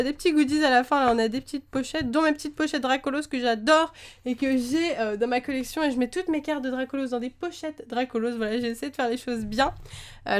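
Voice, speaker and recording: A young woman chatting enthusiastically to camera as she unboxes trading cards, with many fillers along the way. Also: high voice. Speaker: YouTuber opening trading cards. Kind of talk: casual unboxing chat. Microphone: camera mic, face to camera.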